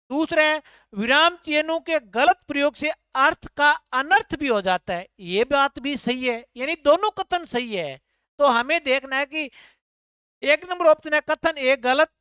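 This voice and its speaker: A woman's voice: sits high, fairly bright tone, no echo, studio quality. A woman exam tutor working through answer-key questions, explaining each one and repeating answers back as questions.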